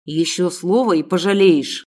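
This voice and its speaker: A woman voicing a rough, menacing male kidnapper who growls his threats. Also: lowish voice, measured pace, darkish tone, lightly acted.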